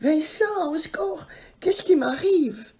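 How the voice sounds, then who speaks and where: A woman's voice: mid-range voice, big pitch swings, unhurried, mellow, voice pushed up. A woman voicing a stubborn little girl who speaks in an insistent, defiant way in a storybook reading. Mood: panicked.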